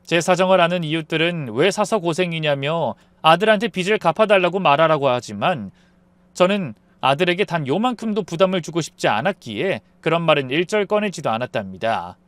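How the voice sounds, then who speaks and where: A man narrating a scripted first-person story in a calm, rueful, measured way. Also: fairly high pitch, dry recording.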